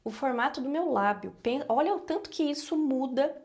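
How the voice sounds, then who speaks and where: A woman's voice: high voice, animated, moderate pace, a little mellow. A woman with a Brazilian Portuguese accent teaching a singing lesson, explaining patiently and checking in with her students often.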